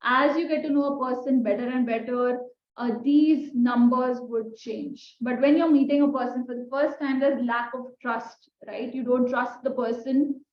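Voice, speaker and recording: A woman teaches a communication class, her voice sitting a little high. She talks in a conversational way and keeps turning questions back to her listeners. The recording sounds roomy and somewhat dull. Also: steady tone, normal speed. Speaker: communication skills trainer. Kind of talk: recorded lesson. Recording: echoey room, dull sound.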